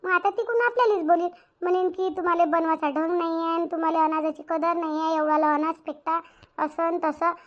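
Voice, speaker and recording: In an extremely high, steady voice and at a quick pace, a woman plays a grumbling, outspoken young daughter-in-law in a domestic Marathi cartoon, using a rural Varhadi accent. The character complains indignantly but cares, and the audio sounds dull.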